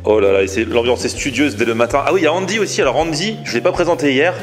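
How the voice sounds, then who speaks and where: A man's voice: medium pitch, rapid-fire. A French man hosting a travel vlog, chatty and upbeat, recorded outdoors on a camera mic. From France. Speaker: vlogger host. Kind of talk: travel vlog narration and chat. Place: outdoors at a food competition. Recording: music playing under the voice.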